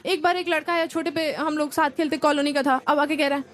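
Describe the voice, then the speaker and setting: A young Indian woman in early adulthood does stand-up comedy, her speech carrying a slight tinge. Her high voice moves fairly quickly as she tells stories with energy, acting out relatives and friends along the way.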